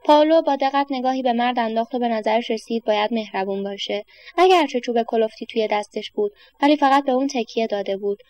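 A woman calmly reading a children's story aloud in a measured, steady manner. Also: a little high.

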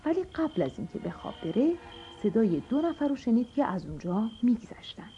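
Woman, children's story narration, expressive, lively pitch, lo-fi sound, music behind. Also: slight background noise. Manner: animated, expressive. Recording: dull lo-fi audio with music.

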